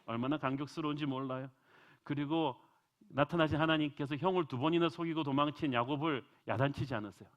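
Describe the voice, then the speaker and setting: A man's voice: on the high side, fairly quick. Emphatic male pastor, revival sermon in church, lo-fi sound. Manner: earnest and emphatic, rising for stress.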